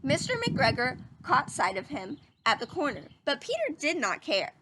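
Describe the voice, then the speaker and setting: A woman's voice: high-pitched, wildly swooping pitch, moderate pace, pushed and bright, a little hiss or hum. A woman reading a children's story aloud in a teacherly, explanatory way, as if speaking to young listeners.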